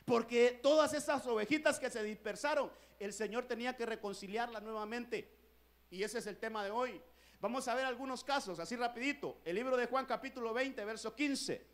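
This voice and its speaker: High-voiced man preaching a sermon. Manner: earnest preaching, repeating "hermano" often; rises louder and slower on key points. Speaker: pastor. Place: church.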